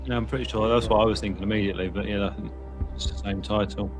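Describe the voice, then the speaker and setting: Quiz contestant guy, lowish voice, just chatting, bit of music in the back. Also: fairly even intonation, quick pace. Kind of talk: casual chat. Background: faint music.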